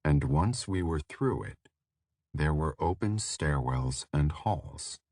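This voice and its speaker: Tired, cautious young hero, voiced by a male narrator; deep, hesitant. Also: lively intonation, slow, darkish tone, no echo, studio quality, exaggerated voice. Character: exhausted, wary young male shapeshifter.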